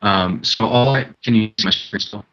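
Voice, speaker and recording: Brief: lowish male voice, video call with dropouts, casual explainer full of fillers. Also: normal speed, dull audio. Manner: rambling, full of ums and uhs and restarts. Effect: heard over a video call that breaks up. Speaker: guest demonstrating a blog setup. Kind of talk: screen-sharing tutorial chat. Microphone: computer microphone on a video call.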